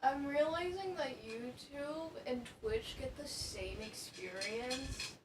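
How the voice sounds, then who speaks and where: A young woman streamer with a high voice and an unhurried pace talks viewers through building a desk, swearing and laughing at herself. She sits away from the mic in a roomy space, with clear background noise. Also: lively intonation. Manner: swearing, self-mocking, chatty asides to viewers. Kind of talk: casual live-stream chat while building furniture. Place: room at home, assembling a desk. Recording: roomy, from far off the mic, noisy.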